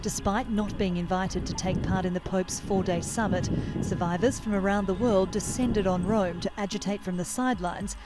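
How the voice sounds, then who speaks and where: A woman reporter reading a scripted news voice-over with a measured, even delivery. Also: mid-range voice. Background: music bed.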